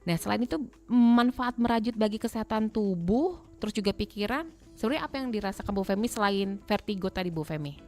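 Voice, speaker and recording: A woman's voice: medium pitch, fairly quick, a little mellow, soft background music. A young woman hosting a casual radio talk show interview, chatty, often tagging her questions and murmuring agreement. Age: young adult. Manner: chatty, frequent tag questions and affirming murmurs. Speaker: radio host.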